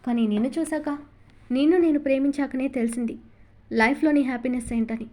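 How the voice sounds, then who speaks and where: A woman's voice: high-pitched, a little fast, darkish tone, close to an everyday voice. A woman voicing a young man, an ardent and tender loving husband, in an audiobook novel reading, with a fond, coaxing manner. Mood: soothing.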